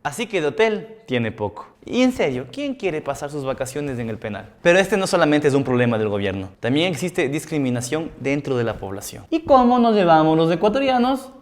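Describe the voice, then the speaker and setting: A woman's voice: low voice, very animated, fairly quick, hardly any pauses, a little mellow. A woman hosting a satirical news segment with a wry, sarcastic delivery. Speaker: host.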